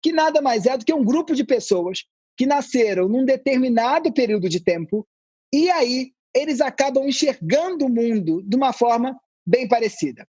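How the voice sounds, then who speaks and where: A man who is an anthropologist, a guest on a podcast, explaining ideas in a relaxed, conversational way with playful asides. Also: very high-pitched, moderate pace, husky, no room sound, dull audio.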